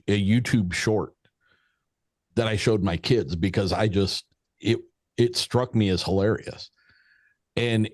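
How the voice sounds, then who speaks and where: A man's voice: on the low side, darkish tone, no echo, studio quality. A man chatting casually as a panelist on a podcast. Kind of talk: casual chat.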